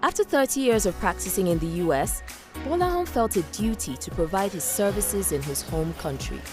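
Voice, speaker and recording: A woman's voice: medium pitch, animated, a little fast, over music. A woman reading scripted narration for a television news feature. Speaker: narrator, reporter.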